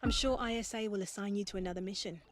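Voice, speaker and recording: A woman's voice: medium pitch, very fast, background noise, natural voice. An actress voicing a hopeful woman scientist who talks earnestly and encouragingly to an AI. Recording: music clearly behind.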